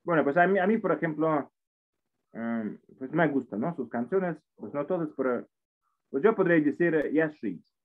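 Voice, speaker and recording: A man in his forties, not a native Spanish speaker and accented in Spanish, teaches an English class online from an indoor room at his computer. His somewhat high, expressive voice moves at a moderate pace, patient and encouraging, often repeating itself. The computer mic on the video call gives tinny, phone-like audio.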